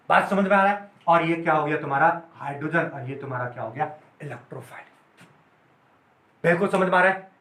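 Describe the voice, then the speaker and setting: A man teaching a chemistry lesson at a whiteboard. He keeps checking that students follow, explains with playful everyday stories, and slows down to dictate notes. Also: a little high, fairly bright tone, echoey room, low-quality recording.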